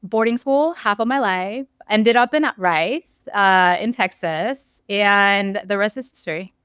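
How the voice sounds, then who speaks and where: A woman's voice: mid-range voice, a little slow, fairly bright tone, smooth, no room sound, clean studio sound. A young woman from South Korea, a podcast guest telling her story earnestly, with many ums and likes. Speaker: podcast guest, real estate investor. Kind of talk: casual interview storytelling.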